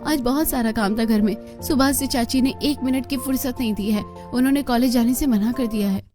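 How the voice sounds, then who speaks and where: Lady doing a sweet hardworking cartoon girl, high voice, earnest, faint music behind. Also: fairly quick, lightly acted. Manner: earnest, gentle, pleading. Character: hardworking, kind, poor young woman. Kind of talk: cartoon voice acting.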